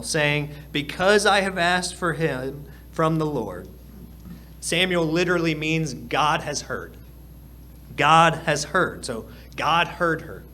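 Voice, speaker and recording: Male pastor, earnest sermon delivery, slightly high voice, repeats for emphasis. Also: bright, forceful tone, a little hiss or hum. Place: church hall.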